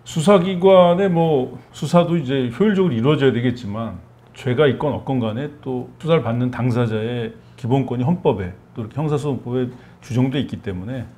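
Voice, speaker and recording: A man's voice: mid-range voice, brisk, warm tone. A middle-aged man hosting a talk program, summing up the guest's points in a reflective, chatty way. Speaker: program host. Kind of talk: conversational talk-show hosting.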